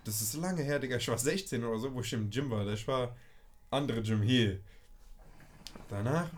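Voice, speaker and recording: A man's voice: medium pitch, moderate pace, a little hiss or hum. A young man, casually telling a story in a podcast chat and peppering it with street slang.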